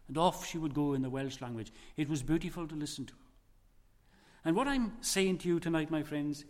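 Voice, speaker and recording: In a hall with long reverb, a man preaches a sermon slowly and weightily, letting his voice drop low and quiet for dramatic emphasis.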